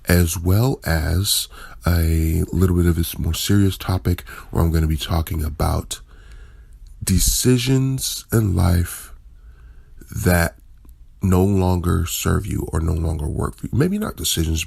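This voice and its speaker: Low, gravelly and husky, with a darkish tone, this podcast host's voice carries a loose, rambling solo show. He seems groggy and unwell, fixing his own words as he goes, and there's no room sound.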